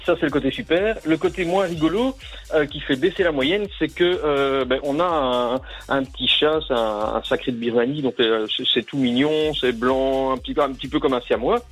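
A man's voice: medium pitch, moderate pace, a bit bright, faint music behind. A man calling in to a radio show, telling an anecdote in an easygoing, rambling way with frequent hesitations. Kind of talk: casual call-in chat, telling an anecdote.

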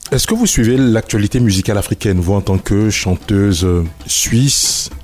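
A man hosting a radio interview, asking questions and announcing segments in a measured, formal way. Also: on the low side, darkish tone, soft background music.

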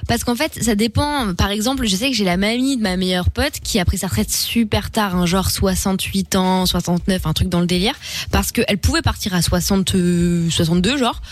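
A woman's voice: medium pitch, brisk, no echo. A young woman co-hosting a radio show, chatting casually in slangy talk. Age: young adult. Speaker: radio co-host.

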